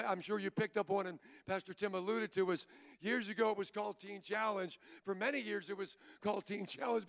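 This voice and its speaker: A pastor with a high, creaky voice preaches a sermon, urging the congregation on and calling for amens in call-and-response. He stumbles into stammered restarts along the way.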